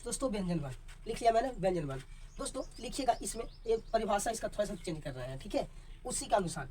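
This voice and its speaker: A man's voice: sits high, very animated, fast, a little mellow. A male teacher gives a class lesson at a board, quizzing his viewers and checking "okay?" after almost every line. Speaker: Hindi teacher. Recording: voice a bit far from the mic, faint background noise.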